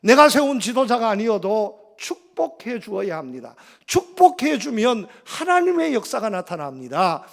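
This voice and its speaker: A man's voice: high voice, gravelly. A male pastor preaching a sermon, emphatic, with repeated phrases and rhetorical questions.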